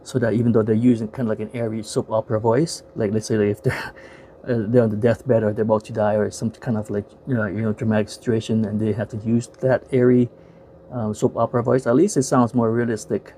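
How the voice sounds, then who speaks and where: A man's voice: lowish voice, little pitch movement, brisk, warm tone, slight background noise. A man giving a casual, rambling movie review, full of filler words and self-corrections, frank and opinionated.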